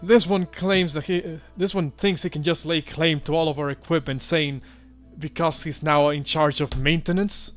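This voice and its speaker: A man's voice: a little high, expressive, fairly quick, lightly acted. A grumbling, distrustful sailor, played by a man running a tabletop game. He sounds indignant and grudging, with faint music behind him.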